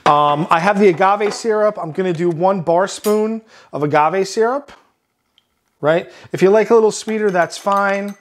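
A chef with a Long Island accent hosting a cooking demonstration, relaxed, often ending points with "right?". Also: male voice, high voice, normal speed. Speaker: chef and host.

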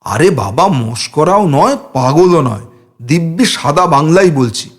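Brief: a man voicing a grumbling, stubborn, vain middle-aged man in a comic storybook, high-pitched. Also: animated, a little slow. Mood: insistent. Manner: indignant, grumbling protests. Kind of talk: audiobook character voice.

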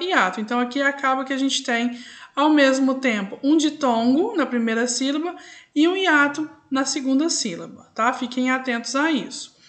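A young adult woman, teaching a primary class remotely and spelling out answers slowly, checking in with the children often. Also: sits high. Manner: slow, drawn-out dictation with frequent "tá?" and "né?" checks. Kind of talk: recorded remote class correcting exercises.

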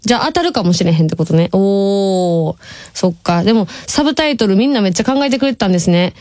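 Woman, twenties, Kansai accent, radio host, lively pitch, dry close sound, laughs a lot. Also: fast, no echo. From Nishinomiya, Hyogo, Japan. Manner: chatty, laughs often, drawls some words. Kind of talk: casual radio talk reading listener messages. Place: radio studio.

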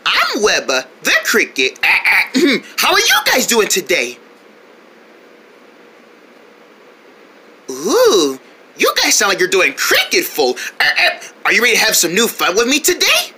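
A woman's voice: mid-range voice, huge pitch swings, normal speed, pushed and bright, slight background noise. A woman voicing a cheerful, playful young female cricket who chats with the viewers in a homemade kids' cartoon. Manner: bouncy, chatty, talks to viewers.

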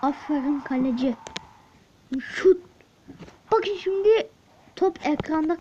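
A woman commenting excitedly on a football video game, talking to her viewers and chanting to cheer on the players. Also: high voice, takes it slowly. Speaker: gaming video host. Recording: muffled with loud background noise.

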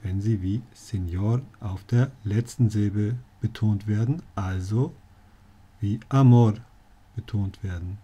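Slow, husky man explaining rules. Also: fairly low pitch, mellow. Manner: dry jokey asides while explaining. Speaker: language teacher. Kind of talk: explaining spelling rules to learners.

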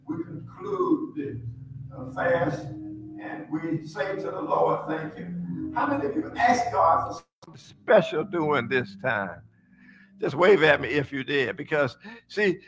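A man's voice: fairly high pitch, creaky, pushed and bright. An older man preaching from a church pulpit with call-and-response phrases, drawing out his words. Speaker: pastor. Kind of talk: sermon. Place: large church sanctuary, on a stage at a pulpit. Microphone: handheld mic, then pulpit mic, far camera. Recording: echoey sanctuary, mic off at a distance, music behind.

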